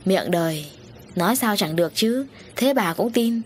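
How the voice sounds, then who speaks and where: A woman's voice: mid-range voice, animated, moderate pace, a little hiss or hum, lightly acted. Lady reading as a cornered rich husband, defensive and pleading, audio story. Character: guilty, pleading middle-aged rich husband.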